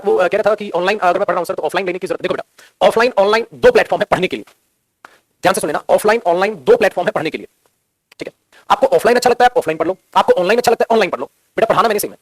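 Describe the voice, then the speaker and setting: A man's voice: high-pitched, no echo, clean studio sound. A middle-aged man teaching English grammar to a live class with a Hindi accent, repeating points and calling the students "beta".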